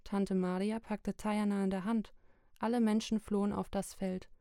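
A woman narrating a literary book chapter in a slow, measured, even reading. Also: medium pitch, no room sound, studio quality. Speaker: audiobook narrator.

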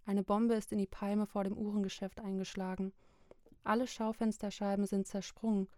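A woman's voice: mid-range voice, level tone, moderate pace, warm tone, no room sound, studio quality, natural voice. A woman reading the lines of an angry young male cousin, bitter and cursing. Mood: furious.

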